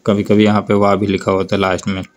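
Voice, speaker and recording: A man teaching a grammar lesson for board exams, explaining slowly and over and over telling students to look and answer. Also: on the low side, monotone. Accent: North Indian Hindi. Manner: slow, drawn-out explanation with repeated prompts to look.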